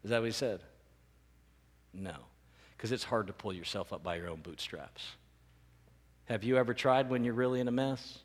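A man's voice: lowish voice, moderate pace, pauses often. Man preaching in a reverberant hall. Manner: animated, rising to emphatic peaks. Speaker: pastor. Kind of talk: sermon. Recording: long reverb of a large hall.

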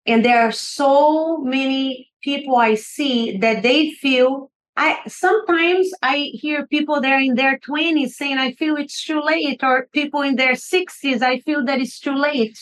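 High-voiced Brazilian-accented woman author. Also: steady tone, unhurried, hardly any pauses, a bit bright. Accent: Brazilian Portuguese. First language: Portuguese. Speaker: author and guest. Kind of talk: podcast interview.

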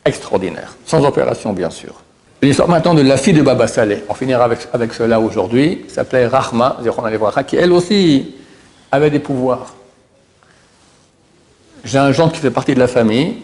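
A middle-aged man, speaking in a mid-range and slightly mellow voice, tells religious miracle stories casually. As he goes he often stumbles, halting to repeat and restart words.

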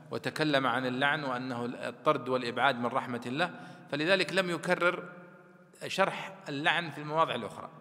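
A man lectures on classical scripture commentary with a bright, forceful tone, moving between patient explanation and recited lines of poetry and verse. His voice rings out into a long reverberant hall. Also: mid-range voice. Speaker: Quran commentary teacher.

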